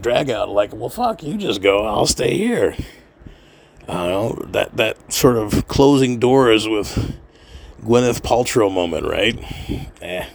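Gravelly and fairly low-pitched, this middle-aged podcast host talks in a loose, meandering monologue. He's profane, digressive, and quick to laugh.

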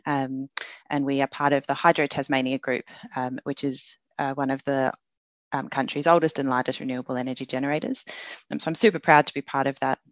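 A woman in her thirties speaks from Melbourne over a remote call, upbeat and quick to laugh, often pausing with ums. The sound is muffled and dull, with a dry, close quality and no room echo. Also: a bass voice, flat delivery. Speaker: guest, company managing director. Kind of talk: conversational interview. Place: Melbourne, Australia.

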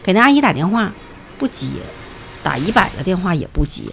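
A woman with a Northeastern Mandarin accent telling a ghost story on a podcast. She is earthy and animated, swears freely, and acts out voices and sound effects. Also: on the low side, brisk, noisy background. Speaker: podcast co-host.

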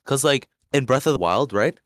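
A man's voice: mid-range voice, expressive, moderate pace, fairly bright tone, no echo, clean studio sound. A man co-hosting a casual game chat, enthusiastic and filler-heavy. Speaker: podcast co-host.

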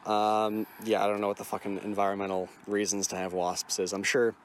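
A man's voice: lowish voice, level tone, a little hiss or hum. Sweary man chatting on a podcast. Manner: sweary, halting with repeats. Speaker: podcast co-host. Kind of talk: casual podcast chat.

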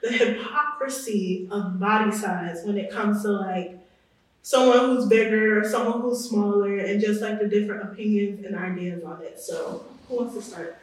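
A woman's voice: mid-range voice, fairly even intonation, moderate pace. A young woman co-hosting a podcast, teasing and laid-back as she steers the chat. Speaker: podcast co-host. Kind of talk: casual chat. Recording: roomy echo, distant mic.

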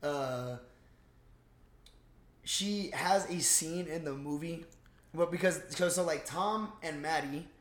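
A co-host of a casual movie review podcast rambles and swears freely as he chats, his voice a little high and his pace slow with long pauses. The recording sounds roomy and echoey.

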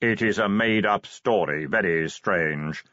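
A man voicing Death as a calm, measured, dry-spoken skeletal figure in an audiobook reading. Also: low voice, no echo. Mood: dry, unhurried. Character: Death, calm slow skeletal male being. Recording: dull lo-fi audiobook recording.

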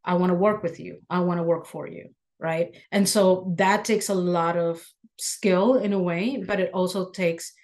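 A woman who owns an auto repair shop, answering interview questions in an earnest, candid way and getting animated when she retells workplace scenes. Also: on the low side, moderate pace, few pauses. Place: Seattle.

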